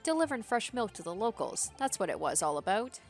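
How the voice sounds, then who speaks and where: Casting: female player as rough baddie for a game, cheeky, matey, slangy, lively swooping pitch over music. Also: brisk. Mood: cheeky, chummy. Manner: slangy, matey street talk. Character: rough, cheeky working-class male crook, chummy and shifty. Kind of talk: video game character read-aloud.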